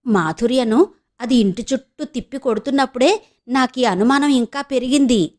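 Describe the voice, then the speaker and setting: A woman voicing a scheming elderly mother who talks in a slow, knowing, insinuating way in an audio novel. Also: a little high, a little mellow, close to an everyday voice. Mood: sly. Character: scheming elderly village mother, sly and blunt.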